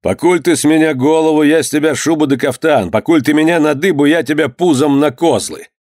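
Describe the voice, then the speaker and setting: A man voicing a hot-tempered merchant lord who shouts gruffly and mocks his enemies. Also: fairly high pitch, brisk, no room sound, clean studio sound, voice pushed up, lightly acted. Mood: mocking.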